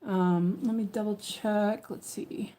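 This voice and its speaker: A woman with a lisp that slurs her s toward sh, chatting casually and haltingly as she stitches, often correcting herself and thinking aloud. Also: mid-range voice, steady tone, mellow. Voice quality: lisp, slushy sh for s. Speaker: craft streamer. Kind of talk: casual rambling chat while stitching.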